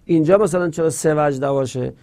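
A male teacher giving a grammar lecture, reciting verb forms in slow drills and posing rhetorical questions. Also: a little high, dark tone.

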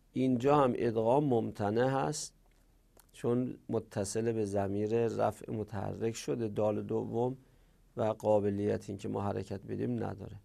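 Male teacher giving a grammar lesson: low, gravelly voice, deliberate delivery. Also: warm tone. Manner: deliberate, drawing out example words.

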